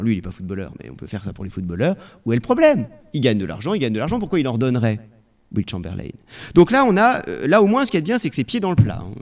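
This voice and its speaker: A man lecturing to a class, his pitch swinging widely as he talks. He keeps asking the room rhetorical questions and often breaks off to restart a phrase. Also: a little mellow. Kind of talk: spoken lecture on political philosophy.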